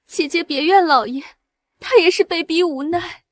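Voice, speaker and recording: An actress playing a scheming young concubine in a costume short drama, talking plaintively as if wronged. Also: female voice, very high voice, moderate pace, dry recording. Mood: pleading. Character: scheming young concubine, fake-tearful, sly.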